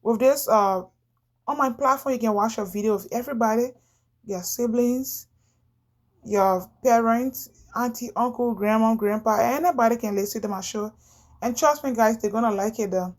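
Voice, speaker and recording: A woman's voice: a little high, normal speed, darkish tone. A middle-aged woman from Liberia, chatting casually to camera as a vlogger, rambling and repeating herself.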